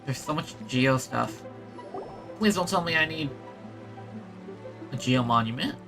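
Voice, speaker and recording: Game music plays clearly behind a woman streamer who comments casually and animatedly while she plays. She often talks to herself and to the game, speaking slowly with big swings in pitch.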